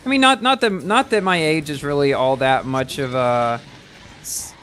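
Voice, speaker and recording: With slight hiss or hum in the recording, a man in his early twenties livestreams a game and reads chat, talking casually and ramblingly, often repeating words when he restarts. His voice is a little high and a bit bright, at a normal speed.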